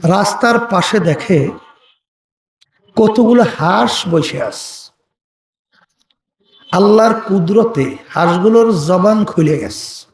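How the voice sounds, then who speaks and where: A man's voice: sits high, lively intonation, slow, pauses often. A man preaching an open-air sermon, telling a story and calling out questions for the crowd to answer, with chanted verses. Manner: chants Quranic Arabic verses. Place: outdoor religious gathering on a field. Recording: echoey public address from a distance.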